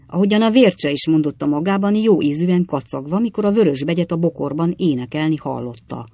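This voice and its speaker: A man's voice: fairly high pitch, expressive, creaky, warm tone, no echo, clean studio sound. A man reading an audiobook, voicing a cheeky, talkative young manservant who speaks like a showman and likes folksy sayings.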